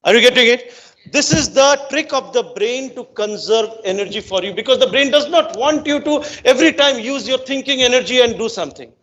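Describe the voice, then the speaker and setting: High-pitched Indian man, emphatic lecturer. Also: lively intonation, a little fast, a bit bright, muffled recording. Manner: emphatic repetition, frequent rhetorical check-in questions. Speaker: brain-based coach giving a talk to students. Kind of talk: motivational educational lecture with storytelling.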